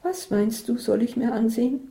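A woman voicing a whiny, complaining woman on holiday, shrill and self-pitying. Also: expressive, moderate pace, vocal fry, dark tone. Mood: puzzled.

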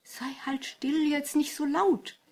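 A woman's voice: a little high, normal speed, natural voice. A woman reading aloud and voicing a worried, fussing middle-aged mother with an anxious, fretful manner. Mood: hushed pleading.

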